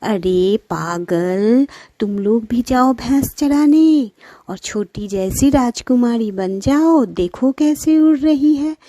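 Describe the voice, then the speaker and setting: A bossy, greedy cartoon mother nags her lazy daughters, as a woman voices her. The voice is high and slow, and the recording is dry. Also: mellow, dry recording. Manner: scolding, nagging.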